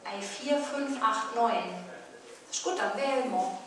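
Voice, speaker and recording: A woman's voice: on the high side, takes it slowly. A woman with a Saarland German accent telling a chatty carnival comedy monologue, acting out dialogue on a stage. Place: large carnival hall with audience. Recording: distant, echoey hall with crowd.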